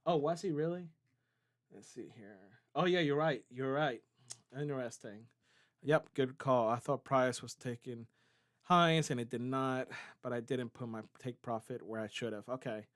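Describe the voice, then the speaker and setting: A man's voice: mid-range voice, moderate pace. A man hosting a live stream, answering viewers' chat questions in a loose, conversational way, often checking in with "right?" and "okay?". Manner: loose, with many fillers and restarts. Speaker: trading company CEO hosting a live stream.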